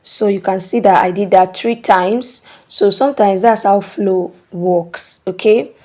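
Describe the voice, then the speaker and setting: A woman's darkish, mid-range voice, a little slow, narrates a screen-recording tutorial. As host, she patiently and instructively explains each step and checks in again and again with "okay?".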